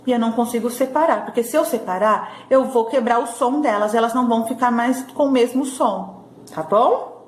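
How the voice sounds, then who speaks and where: A woman teaching a recorded lesson to young children, sounding out syllables slowly and checking in often. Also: on the high side. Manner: slow syllable-by-syllable drilling, frequent "tá bom?" checks. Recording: echoey room with faint ambience.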